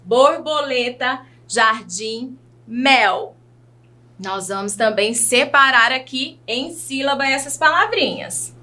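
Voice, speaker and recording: Brazilian woman teacher for a kids' video lesson, fairly high and bright voice, patient questioning tone. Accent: Brazilian Portuguese. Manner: slow, sing-song teacherly delivery, asks children questions.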